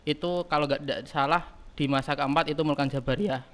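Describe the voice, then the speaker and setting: A man in his early twenties, a student leader answering podcast questions in a halting way, often pausing to search for words. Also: fairly high pitch, steady tone, fairly bright tone. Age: early 20s. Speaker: guest, student council chairman. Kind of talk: casual podcast interview.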